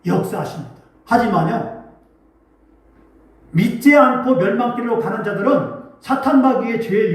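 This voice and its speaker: Man, pastor, sermon, high animated voice, emphatic, very echoey sanctuary, distant mic. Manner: emphatic preaching with questions to the congregation. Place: church sanctuary.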